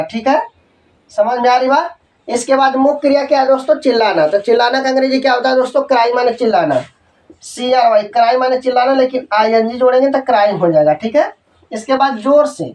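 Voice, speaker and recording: A man teaching an English grammar lesson, dictating example sentences slowly, spelling words letter by letter and checking that students follow. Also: extremely high pitch, a little mellow, far from the mic, low-quality recording. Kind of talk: Hindi-medium grammar lesson.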